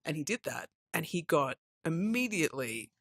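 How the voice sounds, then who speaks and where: A woman's voice: low-pitched, sing-song, moderate pace, fairly bright tone, husky, no echo, clean studio sound. A middle-aged woman co-hosting a podcast, explaining her views in casual conversation. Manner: thoughtful, explanatory. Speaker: podcast co-host.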